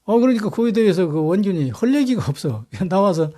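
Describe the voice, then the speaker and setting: A man telling history in a casual, blunt, colloquial way, full of fillers and rough language. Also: sits high, sing-song, fast talker, dark tone. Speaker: history lecturer. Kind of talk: casual storytelling lecture.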